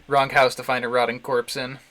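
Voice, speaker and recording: Game music runs under this livestream as a man riffs casually on a visual novel, musing aloud and joking as he rambles. His mid-range voice comes across bright and forceful.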